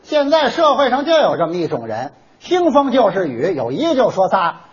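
A man, performing comic crosstalk as the straight man who fires back quick, indignant retorts. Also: high-pitched, huge pitch swings, husky. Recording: dull lo-fi recording.

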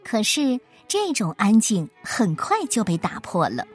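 A woman reading a children's picture book aloud in a playful, expressive way, her voice rising and falling with the story. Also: medium pitch, a little slow, breathy edge, faint music behind.

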